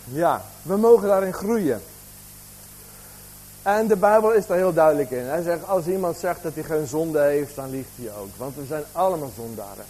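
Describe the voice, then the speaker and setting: A man's voice: a little high, animated, normal speed, a little mellow, slightly rough, poor audio. A man preaching a sermon, asking the congregation questions, with a slight cough.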